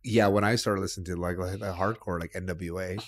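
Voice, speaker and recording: A middle-aged man hosting a podcast talks quickly in a loose, opinionated style, restarting his sentences and filling them with "like". His voice is on the low side. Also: steady tone. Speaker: podcast host. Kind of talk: casual podcast conversation.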